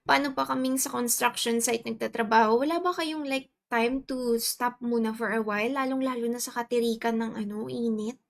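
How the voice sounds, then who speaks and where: A Filipino woman in her forties with a Filipino accent, chatting casually on a livestream and greeting viewers; her voice is soft and quiet, her throat a bit sore. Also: fairly high pitch, fairly even intonation, normal speed, creaky, few pauses. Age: 40s. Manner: chatty, mixes Tagalog and English, greets viewers by name. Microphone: earphones with mic.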